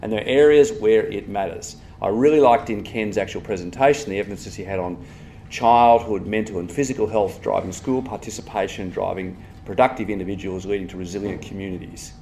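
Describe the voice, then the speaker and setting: A man with an Australian accent speaks at a conference, talking fast with emphatic stress. His voice sits on the low side, and he keeps cutting into his own sentences with asides. Faint ambient noise runs underneath. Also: gravelly, warm tone. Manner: brisk, digressive, emphatic with asides. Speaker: conference speaker on health policy. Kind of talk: live conference talk.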